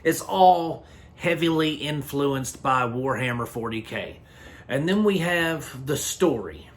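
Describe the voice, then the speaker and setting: A man's voice: medium pitch, lively intonation, slow. A man hosting a casual film review, talking bluntly and rambling with frequent restarts. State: hiccups. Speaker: movie reviewer.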